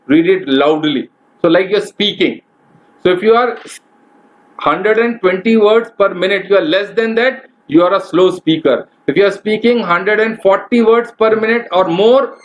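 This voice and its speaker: A man's voice: sits high, normal speed, poor audio. A man, a corporate trainer giving direct, instructive advice in a webinar lecture. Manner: instructive and direct, addressing the audience as guys.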